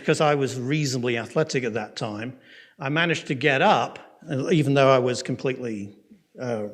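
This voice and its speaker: An English man with a mid-pitched voice lectures a class. He tells a personal story in a loose, conversational way, with many fillers, restarts and pauses. He checks in with his listeners as he goes, and his pace swings between quick and slow. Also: a bit bright. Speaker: Bible course teacher.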